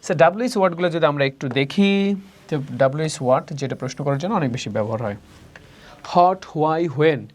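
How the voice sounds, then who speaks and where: A man teaching spoken English in a recorded lesson, saying each word slowly and repeating the forms. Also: a little high, expressive. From Bangladesh. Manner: drills words slowly, repeating each form twice.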